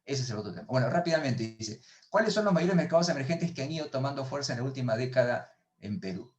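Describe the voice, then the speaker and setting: A man's voice: mid-range voice, expressive, fast. A middle-aged man with a Peruvian Spanish accent, giving an economics lecture in a webinar, stumbling over his words and restarting often, heard over a video call. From Peru. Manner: hesitant, many restarts and repeated words. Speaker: economics professor. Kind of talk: webinar lecture answering questions.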